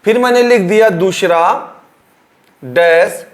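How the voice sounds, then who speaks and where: A man's voice: sits high, slow pace. A male teacher explaining grammar at a board, repeating words and drawing them out.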